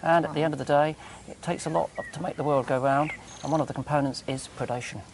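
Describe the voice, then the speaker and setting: A man's voice: a little high, steady tone, fast. A middle-aged British man presenting wildlife television outdoors, explaining off the cuff. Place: outdoors in countryside. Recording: noisy outdoor location sound.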